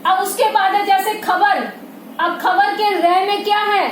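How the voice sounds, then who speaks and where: A woman's voice: extremely high pitch, level tone, unhurried. A woman teaching a Hindi grammar lesson, patient and repetitive, who often checks that her students follow and calls them "beta". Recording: echoey room with faint noise.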